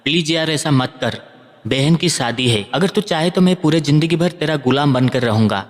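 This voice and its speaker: A man's voice: a little high, lively intonation, normal speed, close to an everyday voice. Guy doing a desperate young guy begging his friend, storybook, echoey. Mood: pleading. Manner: pleading. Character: desperate, honest young man.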